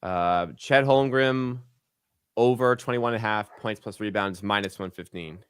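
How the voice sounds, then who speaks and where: A man's voice: on the low side, unhurried, a bit bright, clear, resonant tone, no echo. A man in his twenties hosting a sports betting podcast, easygoing and filler-heavy as he chats and reads listener questions. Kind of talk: casual podcast chat.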